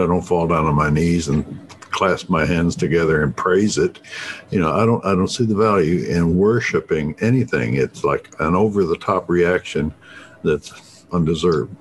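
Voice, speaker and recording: Male guest, very deep voice, hesitant, filler-heavy, slight background noise. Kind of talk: casual discussion.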